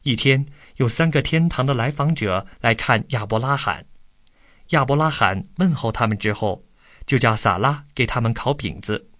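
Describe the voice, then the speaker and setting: A man calmly reading a Bible story aloud from a script, then posing study questions to listeners. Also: medium pitch, normal speed, dry recording, clean studio sound.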